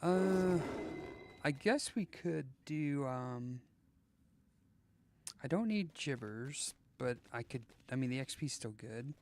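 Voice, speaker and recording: A man running a casual live game stream, thinking out loud in a rambling, joking way and tripping over his own sentences. His voice sits at a middling pitch for a man, with a faint hum of background noise behind him. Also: lively intonation, slow. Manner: rambling, joking, thinking aloud with many restarts.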